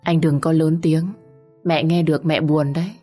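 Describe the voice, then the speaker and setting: Meek put-upon wife as a woman reads her, soft and gentle, low, faint music. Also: flat delivery, normal speed. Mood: soft pleading. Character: meek long-suffering wife in her forties.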